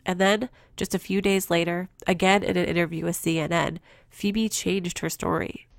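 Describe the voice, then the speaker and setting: A woman hosting a podcast, telling a story in measured, earnest scripted narration. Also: lowish voice, steady tone, creaky, no room sound, studio quality. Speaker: podcast host.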